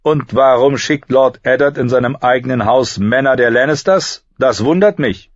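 A man voicing a proud, wise old male fencing master with a measured, instructive cadence. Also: medium pitch, dry recording, pitched above the performer's own voice, lightly acted. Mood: defiant. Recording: dull lo-fi recording.

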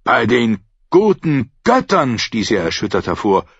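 A man's voice: lowish voice, animated, measured pace, fairly bright tone, breathy edge, no echo, dull audio, exaggerated voice. A man reading a wary, earnest soldier. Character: grown male retainer, wary then shaken.

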